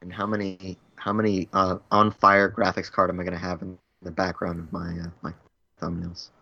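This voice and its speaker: Hesitant low-voiced man, joking around. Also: monotone, normal speed, sharp tone, no echo, lo-fi sound. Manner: hesitant, filler-heavy, joking. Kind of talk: casual podcast chat.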